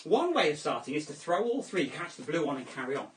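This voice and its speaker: A man's voice: fairly high pitch, very animated, fast, far from the mic, a little hiss or hum. A man performing a children's juggling show with playful, jokey, theatrical patter. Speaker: children's entertainer. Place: home room during lockdown. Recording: echoey room, voice a little off-mic.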